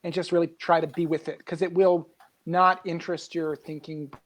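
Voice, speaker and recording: A man's voice: a little high, level tone, normal speed. A man appearing as a guest in a casual group discussion over a video call, speaking earnestly and reflectively and stressing his points.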